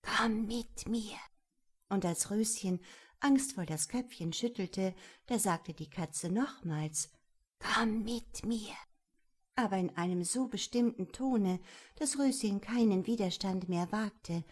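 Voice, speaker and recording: A woman narrating a children's storybook in a measured, gentle storytelling manner. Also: medium pitch. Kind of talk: storybook reading.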